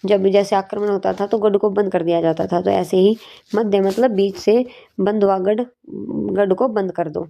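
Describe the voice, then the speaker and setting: Woman teaching with gravelly, mellow voice. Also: medium pitch, steady tone, normal speed. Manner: asks questions and answers them herself, repeats for drilling. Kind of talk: exam-prep lesson with memory tricks.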